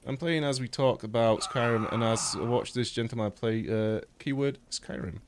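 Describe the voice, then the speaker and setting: A man's voice: medium pitch, normal speed, noisy background. A young man from Poland, streaming a game and chatting casually, rambling with lots of fillers and swearing, a little stuffy-nosed. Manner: rambling, swears a lot, many fillers and restarts. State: blocked nose. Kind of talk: casual live-stream chat while gaming.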